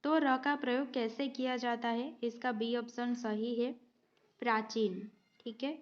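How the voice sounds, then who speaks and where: A woman with a slightly high, steady voice teaches Hindi grammar at a measured pace over lo-fi audio. Going through multiple-choice exam questions, she explains each answer patiently step by step, often checking in with a brief "okay."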